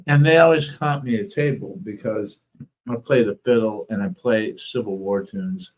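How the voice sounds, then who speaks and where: A man's voice: lowish voice, moderate pace, a little hiss or hum, poor audio. A man with thick, slurred speech from a swollen tongue, weakened and fatigued, chatting casually on a livestream as an author and host.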